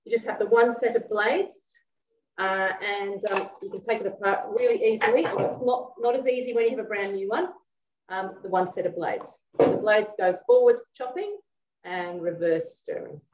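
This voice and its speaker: A woman's voice: medium pitch, moderate pace, darkish tone, slight background noise. A woman chatting as she runs a live cooking demonstration in a kitchen, talking while she works. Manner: chatty, talks while working. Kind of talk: live cooking demo chat. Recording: roomy, dull sound from a distance.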